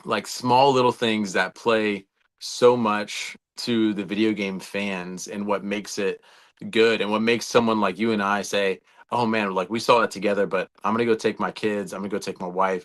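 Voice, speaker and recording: This man, maybe in his thirties or older, co-hosts a laid-back podcast about movies, rambling with a fan's enthusiasm. His pitch is fairly low and his intonation mostly even. He talks a little fast with a fairly bright tone.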